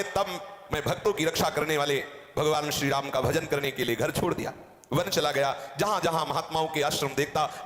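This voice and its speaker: A man's voice: fairly high pitch, fairly bright tone. A man as a spiritual teacher giving a devotional discourse, telling a sage's story in the first person and quoting verses. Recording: roomy hall with long reverb.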